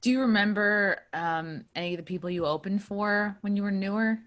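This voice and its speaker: A woman's voice: mid-range voice, a little fast, muffled recording. A woman hosting a podcast in casual interview chat, giggly and informal, often trailing off mid-sentence. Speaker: podcast host.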